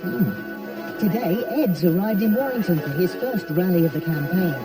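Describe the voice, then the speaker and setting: Wry documentary narrator with lively pitch. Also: moderate pace, distant mic, music in the background, low-quality recording. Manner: wry, teasing. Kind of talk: scripted narration.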